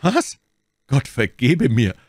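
A man's voice: lowish voice, big pitch swings, normal speed, darkish tone, no echo, studio quality. A man voicing a haughty, easily angered duke in an audiobook reading, exclaiming with raised indignation. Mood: indignant. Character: haughty English duke, middle-aged, imperious, easily angered. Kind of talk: audiobook character voice.

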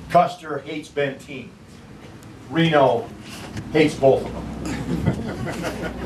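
High-voiced ranger telling history dramatically. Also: male voice. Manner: vivid, acts out quotes. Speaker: park ranger. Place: outdoor battlefield site. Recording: echoey, distant from mic, faint noise.

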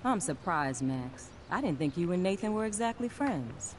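A caring science teacher in a video game, explaining things in a measured, earnest way. Her voice sits low for a woman, and clear noise runs behind the game audio. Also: sing-song. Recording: game audio under a livestream, with background noise.

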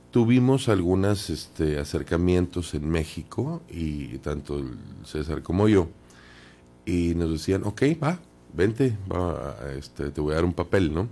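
A man's voice: sits low, dark tone. A man, a dubbing studio director, speaking earnestly in a radio interview with many fillers. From Sonora, Mexico.

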